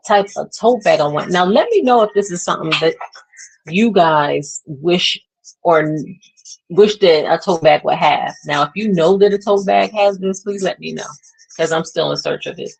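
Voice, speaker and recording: A beauty vlogger in her thirties chats casually to camera, rambling and trailing off while she hunts for words. Her voice sits low and is gravelly and slightly rough, and the recording itself is rough too.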